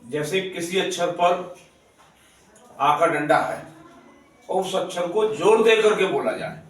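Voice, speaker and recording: A man teaching children a spelling lesson, explaining slowly and patiently and repeating his points. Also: a little high. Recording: very echoey room, voice distant from mic.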